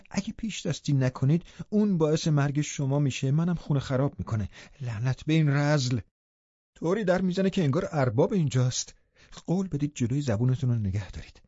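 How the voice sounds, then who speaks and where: A man voicing a bitter, vengeful young man in an audiobook, talking loud and threatening. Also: mid-range voice, slightly rough, no echo, natural voice. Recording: muffled lo-fi recording.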